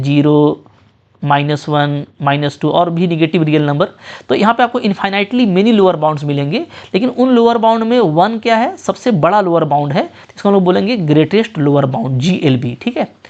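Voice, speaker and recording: With an Indian English accent, a man gives an exam-prep math lecture, frequently repeating short check phrases and slowing sharply to read out definitions. His voice sits high and is a little mellow, and the highs are cut off.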